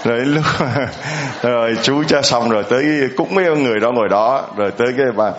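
A man's voice: mid-range voice, a little fast. Male priest, homily, chatty, questions to the congregation, echoey church, slightly muffled sound. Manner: conversational, asks the congregation questions.

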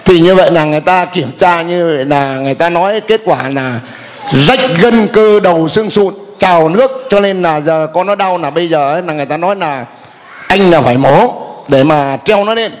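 Older guy, kinda high voice, telling his testimony all halting and hesitant, big echoey church hall. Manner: hesitant, halting with many fillers. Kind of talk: spoken testimony. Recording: long hall reverb.

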